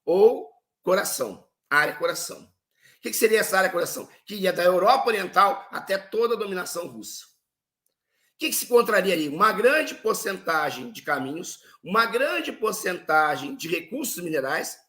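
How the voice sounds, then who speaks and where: A man's voice: high voice, sing-song, moderate pace, bright, forceful tone. A man giving a lecture, explaining step by step and asking rhetorical questions that he then answers himself. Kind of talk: lecture on history and geopolitics.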